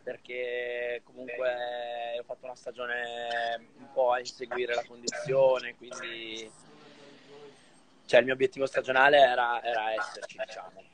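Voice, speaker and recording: A man's voice: mid-range voice, completely flat delivery, a little slow, fairly bright tone. A young adult man, an Olympic swimmer, talking on a video call in a hesitant way, with lots of fillers and restarts. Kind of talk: casual video-call interview.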